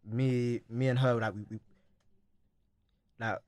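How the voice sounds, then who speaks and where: A young man with a London roadman accent and street slang, bantering casually and telling stories in an animated, repetitive way. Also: medium pitch, slow pace, no echo. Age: young adult. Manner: slangy, repeats phrases, animated storytelling. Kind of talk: casual banter in a group chat.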